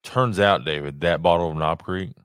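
Low-voiced man, casual podcast host. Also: normal speed, fairly bright tone, smooth, no room sound, clean studio sound. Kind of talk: casual chat.

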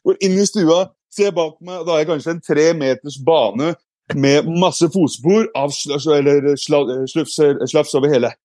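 A man's voice: fairly high pitch, a little mellow, no room sound, studio quality. A man giving a casual explanatory talk, reflective, with frequent hesitations and restarts. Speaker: speaker.

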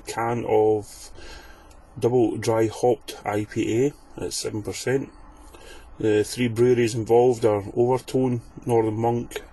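A man's voice: on the low side, dark tone. A man from Fife, giving a casual recorded review as a podcast listener. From Fife, Scotland. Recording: clear ambient background noise.

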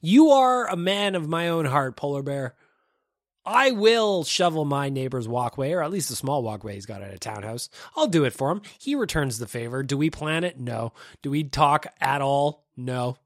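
A man's voice: a little high, lively intonation, normal speed, no room sound. A Canadian man hosting a casual podcast alone in a home studio, wry and self-deprecating as he reacts to voicemails. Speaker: podcast host. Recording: dry close mic with faint music.

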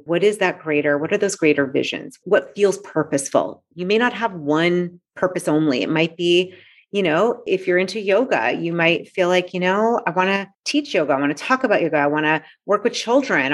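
A woman in her forties speaks with a fairly low voice. She talks earnestly and reflectively as a coach in a casual interview, sprinkling in fillers as she goes. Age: 40s. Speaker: coach and author.

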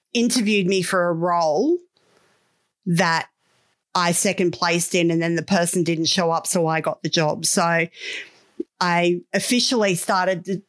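Woman, Australian accent, lowish pitch, casual interview storytelling, candid and wry. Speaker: podcast guest, business owner.

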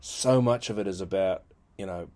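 A man who teaches at a university, speaking in a measured way with fillers and repeated words in a casual chat about courses. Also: low voice, warm tone. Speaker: university lecturer. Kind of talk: casual podcast discussion of course lectures.

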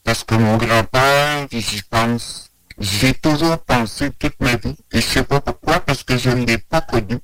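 A man whose voice is disguised by a voice changer with added distortion, telling a personal story hesitantly, with many pauses. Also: mid-range voice, fairly bright tone.

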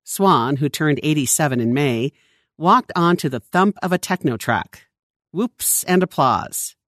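Lively narrator reading a news feature. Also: mid-range voice, unhurried, no echo, studio quality. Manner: expressive storytelling reading. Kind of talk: scripted narration.

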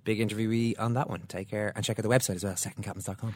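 A man with a Dublin accent hosts a casual sports conversation. He talks quickly, in a lowish voice. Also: steady tone, heavy background noise. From Dublin, Ireland. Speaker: sports podcast host.

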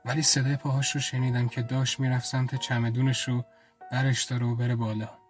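A man's voice: medium pitch, little pitch movement, faint music behind. A man telling a first-person story as an intimate, reflective inner monologue, close to the mic. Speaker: storyteller and writer.

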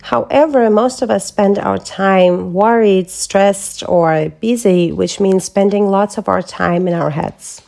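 A woman hosting a wellness podcast, speaking as a holistic health coach in a calm, measured, reflective way from a prepared script. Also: medium pitch, creaky. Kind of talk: scripted solo podcast talk.

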